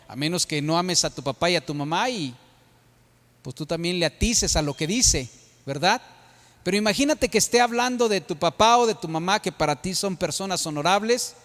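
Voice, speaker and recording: A man's voice: high voice, animated, moderate pace, fairly bright tone. A middle-aged Mexican man preaching a sermon as pastor, with a Mexican accent, often checking in with the congregation by tag questions. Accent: Mexican Spanish. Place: church hall. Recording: long reverb of a church hall.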